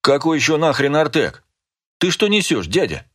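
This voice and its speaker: A man voicing a suspicious, cocky young male partisan who talks in a gruff, threatening way and swears. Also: mid-range voice, expressive, moderate pace, a bit bright, pitched above the performer's own voice. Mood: menacing.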